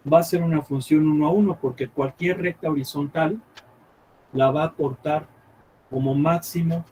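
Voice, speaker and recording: A math teacher with a somewhat high voice lectures a live class. He repeats his points, thinks aloud as he draws, and keeps checking whether the students follow. A faint hum of room noise sits behind him. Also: fairly even intonation, a little mellow, poor audio. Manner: checks understanding often with quick questions, repeats himself; thinks aloud while drawing on the board.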